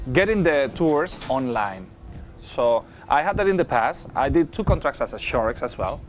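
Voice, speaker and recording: A man's voice: mid-range voice, darkish tone. Upbeat cruise director, man, faint background noise. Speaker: cruise director hosting morning show. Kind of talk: casual ship morning-show chat.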